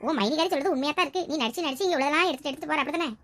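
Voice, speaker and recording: A high-pitched woman rattles through a family comedy skit at a breakneck pace. She bickers and teases in quick village banter. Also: a bit bright. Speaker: comedy sketch performer. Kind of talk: family comedy skit, playing several relatives.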